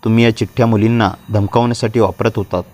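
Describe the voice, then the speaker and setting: A man's voice: lowish voice, fairly even intonation, fast talker, dark tone, lightly acted. A man voicing a stern, protective male college teacher who speaks firmly. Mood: firm, indignant. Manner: firm and indignant.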